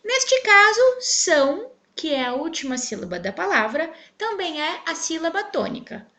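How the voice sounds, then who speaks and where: Woman teacher with a Brazilian accent, high and animated, clear and emphatic. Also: normal speed. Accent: Brazilian Portuguese. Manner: clear, emphatic, stretches syllables when spelling out words. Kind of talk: online grammar lesson.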